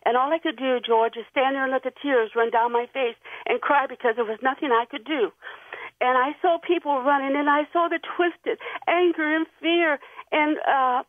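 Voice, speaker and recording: A woman's voice: high-pitched, moderate pace, no room sound. Woman on a tinny phone line. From Tennessee. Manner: rambling, nervous, earnest storytelling. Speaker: radio show caller. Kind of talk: call-in radio chat.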